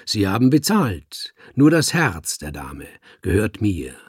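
A man reading a story aloud, voicing a commanding male dissection master with a loud, theatrical manner. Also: lowish voice, very animated, slow pace, slightly rough, dry recording, studio quality, exaggerated voice.

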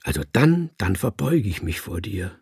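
A man reading aloud voices a playful young tomcat who muses about odd questions with his brother, in a gravelly, husky voice. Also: fairly low pitch, very animated, moderate pace, darkish tone, dry recording, clean studio sound, full character voice.

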